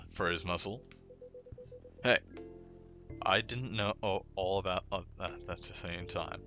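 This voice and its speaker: A man's voice: lowish voice, bright, forceful tone. A man hosting a game playthrough, reading the characters' dialogue aloud and often stumbling and correcting himself. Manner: hesitant, frequent restarts and self-corrections. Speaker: gaming channel host.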